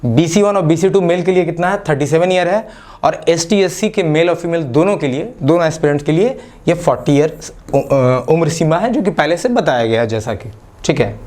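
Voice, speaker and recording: High-voiced Jharkhand man coaching exam aspirants. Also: animated, fairly quick, darkish tone. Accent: Jharkhand Hindi. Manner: motivational, mixes Hindi with English phrases; casual, repeats "ठीक है" as a filler. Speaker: exam coaching channel host. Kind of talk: exam-prep talk to the camera.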